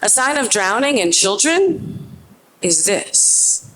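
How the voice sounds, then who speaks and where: A woman performing a personal story live on stage, emotional, shifting between brisk stretches and slow, deliberate phrases. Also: mid-range voice, very animated, fairly bright tone, rough recording. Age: adult with a young child.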